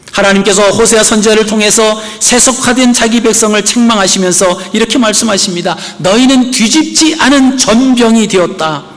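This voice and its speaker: A man's voice: high-pitched, fairly bright tone. A man preaching a sermon as pastor, earnestly asking the congregation rhetorical questions. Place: church sanctuary. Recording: long church hall reverb.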